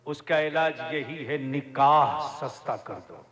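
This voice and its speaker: A man preaching to a large religious gathering, teasing the listeners and building up to shouts. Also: on the high side, slow. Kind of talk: rousing religious speech to a crowd. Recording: live crowd recording. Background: crowd noise.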